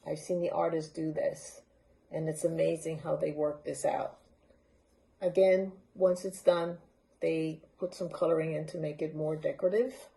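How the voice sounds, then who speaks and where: In a deep, dark-toned voice with vocal fry, a Honduran woman gives a library art talk, showing off handmade crafts. The show-and-tell is casual and unscripted, and she holds the pieces up to the camera.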